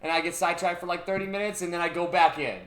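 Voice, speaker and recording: A man's voice: high-pitched, steady tone, very fast, fairly bright tone. A young man hosting a podcast, casually retelling an episode with loose, profane energy and acting out the characters' lines. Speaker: podcast host. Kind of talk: casual chat, animated retelling. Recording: echoey room.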